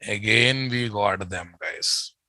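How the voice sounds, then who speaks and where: Man, Telugu Indian accent, informal programming teacher, repetitive lecture delivery, sharp bright tone, dry sound. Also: fairly low pitch, slow pace, no echo, rough recording. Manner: informal, repetitive, addressing students as guys and boss. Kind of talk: live lecture with repeated phrases.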